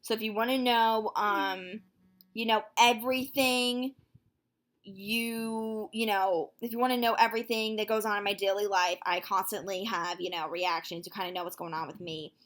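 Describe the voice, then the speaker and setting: A nineteen-year-old woman talking casually to her viewers in a vlog, chatty and full of fillers, quick to exclaim. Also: medium pitch. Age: young adult, nineteen. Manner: excitable, quick to gasp and exclaim. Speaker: vlogger.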